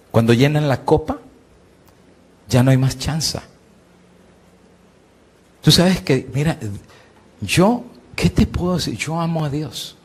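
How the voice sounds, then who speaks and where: A middle-aged man preaching a sermon, his voice slightly husky. He swings between loud, high-pitched peaks and low, quiet lines, and he asks his listeners questions before answering them himself. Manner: preaching with sweeping rises and drops in pitch and volume. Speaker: pastor.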